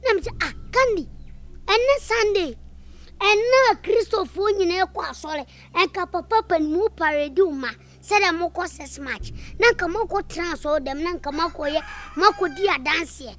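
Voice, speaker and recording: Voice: extremely high pitch, a little slow, fairly bright tone. A performer with a Ghanaian accent and Twi as native language, playing a gossiping, indignant friend in an improvised comedy skit, with dramatic exclamations. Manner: dramatic, exclaiming, repetitive storytelling.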